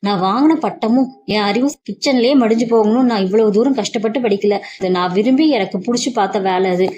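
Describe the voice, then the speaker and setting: A woman's voice: on the high side, fast, darkish tone, dull audio, a little hiss or hum, lightly acted. A woman doing an indignant young lecturer. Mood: defiant. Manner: indignant, emphatic.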